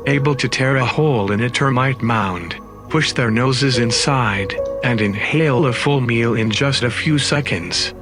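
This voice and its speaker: A man reading scripted narration in the manner of a nature documentary. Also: mid-range voice. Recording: music under the voice. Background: background music.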